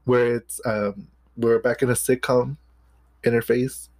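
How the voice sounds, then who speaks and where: A man's voice: mid-range voice, little pitch movement, a little slow, a little mellow. A young man co-hosting a casual podcast, rambling with many restarts and laughing often. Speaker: podcast co-host. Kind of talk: casual chat.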